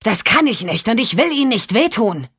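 A woman's voice: on the high side, sing-song, fairly quick, fairly bright tone, breathy edge, voice pushed up, full character voice. A woman doing a cornered pleading man. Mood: pleading, urgent. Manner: urgent, insistent. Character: cornered adult male pilot, pleading and tense. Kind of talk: audiobook character voice.

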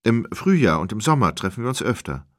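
A man's voice: lowish voice, sing-song, brisk, no room sound, clean studio sound, pitched above the performer's own voice. A man reading an audiobook, voicing a frightened woman of about sixty who gives hesitant, shaken answers. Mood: anxious.

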